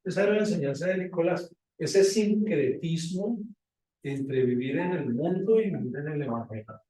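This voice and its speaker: A man's voice: fairly high pitch, expressive, moderate pace, mellow. A male pastor preaching a sermon, questioning his congregation as he teaches. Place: church hall. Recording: echoey hall from far off.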